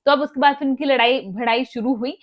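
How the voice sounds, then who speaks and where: A woman's voice: high voice, fast. A woman casually retelling a reality show episode, mixing in English words and acting out quoted dialogue with many fillers. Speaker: show recap vlogger. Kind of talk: casual spoken recap.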